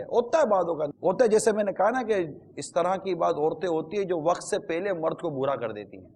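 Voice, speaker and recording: A man speaks to viewers in an earnest, advising religious talk. His voice sits a little high, and he breaks into pious formulas and little quoted asides.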